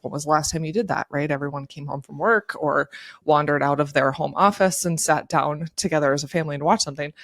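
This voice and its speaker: A woman co-hosting a podcast, explaining her points conversationally with animated asides. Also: deep voice, dry recording, clean studio sound. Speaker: podcast co-host, TV ad agency marketer.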